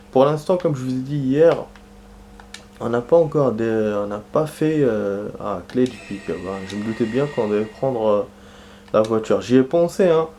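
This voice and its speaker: A man's voice: mid-range voice, warm tone, slight background noise. A man giving casual let's-play commentary, rambling and hesitant, with lots of fillers and restarts. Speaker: gaming commentator.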